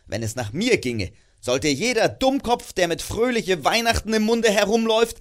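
A man reading an audiobook, voicing a grumpy, miserly old man who snaps and scoffs loudly. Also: sits high, voice pushed up. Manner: loud, snapping and contemptuous.

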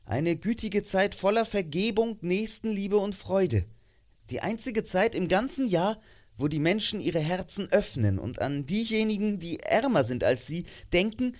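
A man reading an earnest warm-hearted young nephew. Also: on the high side, pitched above the performer's own voice, lightly acted. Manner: pleading and heartfelt. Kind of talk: audiobook character reading.

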